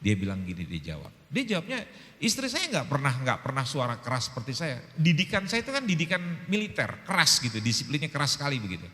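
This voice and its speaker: Lively man preaching in a reverberant hall. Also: medium pitch, fast. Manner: animated storytelling, acting out quoted dialogue. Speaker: pastor. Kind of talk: sermon.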